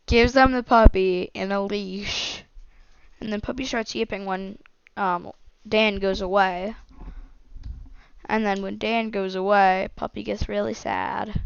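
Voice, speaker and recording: A woman telling a made-up adventure story on a podcast, rambling from one event to the next, in a smooth voice with some creak. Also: medium pitch, no echo. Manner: rambling, strings events with "and then". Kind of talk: improvised story narration. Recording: dull lo-fi dry recording.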